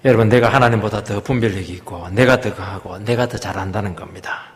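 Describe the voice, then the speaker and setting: A male pastor preaching a sermon in a church, emphatic, swinging from loud rises down to hushed drops. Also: fairly low pitch, quick pace. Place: church sanctuary. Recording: long hall reverb.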